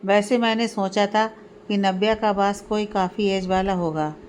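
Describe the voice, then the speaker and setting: A woman's voice: medium pitch, steady tone, unhurried, a little mellow, slight background noise, close to an everyday voice. A woman voicing a kind, approving middle-aged father in a read-aloud family story.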